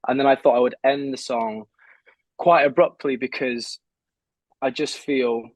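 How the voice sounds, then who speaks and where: A man's voice: mid-range voice, fairly even intonation, a little slow, rough recording. A man in his twenties, a songwriter guest on an interview, talking in a chatty, rambling way with many fillers and restarts. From England. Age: 20s. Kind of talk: casual interview chat.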